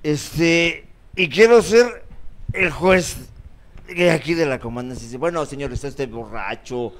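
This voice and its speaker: A man telling a joke in a fast, offhand way. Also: a little high. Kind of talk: telling jokes.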